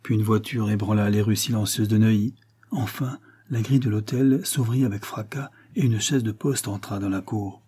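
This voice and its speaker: Man reading a novel aloud, husky, dark mellow tone, lowish voice. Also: fairly even intonation. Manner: measured, storytelling. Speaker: audiobook reader. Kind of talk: scripted narration of a novel.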